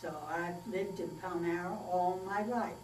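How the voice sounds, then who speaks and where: A woman in her nineties, recalling her childhood in a slow, plainspoken oral history interview. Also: fairly low pitch, fairly even intonation, darkish tone. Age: 90s. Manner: unhurried, plainspoken storytelling with pauses and fillers. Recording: echoey room, distant mic, faint mains hum.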